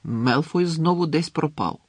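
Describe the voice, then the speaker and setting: A sensible teenage boy, baffled and questioning his friend, as a man reading the storybook puts him on. The voice is a touch lifted and husky. It is recorded dry and close. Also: a little high, unhurried, dry recording, pitched above the performer's own voice.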